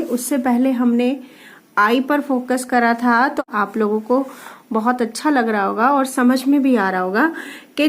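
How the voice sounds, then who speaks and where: A woman teacher who gives a phonics lesson for young children and sounds out each letter one by one. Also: fairly high pitch.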